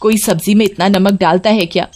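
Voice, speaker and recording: A woman voicing a cruel middle-aged mother-in-law who scolds in a harsh, drawn-out way in a storybook tale. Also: medium pitch, steady tone, darkish tone, close to an everyday voice. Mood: scolding.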